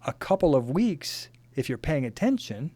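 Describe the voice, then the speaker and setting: A man's voice: on the high side, very animated, moderate pace, dark tone, dry recording. A man speaking as a podcast guest, plain-spoken and full of ums and uhs. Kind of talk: casual conversation.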